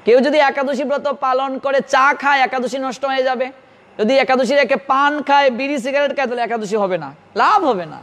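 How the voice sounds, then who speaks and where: A man's voice: very high voice, normal speed, fairly bright tone. A man with a Bengali accent giving an earnest devotional sermon, instructing listeners directly. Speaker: preacher. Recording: long hall reverb.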